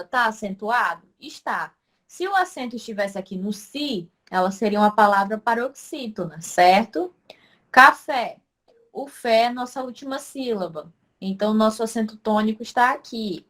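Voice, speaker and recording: Female teacher for a recorded online class, mid pitch, walks through examples, punches out syllables. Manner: explains step by step, answers her own questions; stresses syllables loudly to demonstrate. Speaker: Portuguese language teacher.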